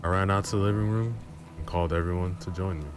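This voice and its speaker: A man narrating horror stories in a calm, low-key reading style. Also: fast talker, background noise. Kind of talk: scripted story narration.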